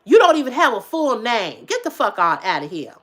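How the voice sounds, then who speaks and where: A woman in her fifties hosts a casual livestream, speaking emphatically to viewers and repeating herself for effect. She swears freely and swings between loud exclamations and low asides, with big pitch swings and a fairly quick pace.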